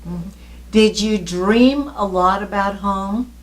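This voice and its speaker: A woman's voice: mid-range voice, slow pace. A woman conducting a conversational oral history interview, attentive, with murmured acknowledgements and follow-up questions.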